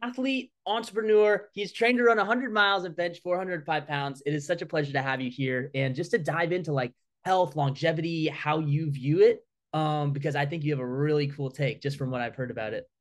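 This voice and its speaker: A man's voice: on the high side, fairly quick. A man hosting a podcast, asking questions in an upbeat, enthusiastic casual way with frequent "like.". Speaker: podcast host. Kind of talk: casual interview chat.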